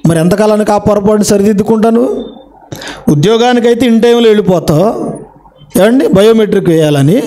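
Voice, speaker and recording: Middle-aged pastor, sermon in church, high voice with a mellow dark tone, keeps firing questions at the congregation. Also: male voice. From India. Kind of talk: Telugu sermon.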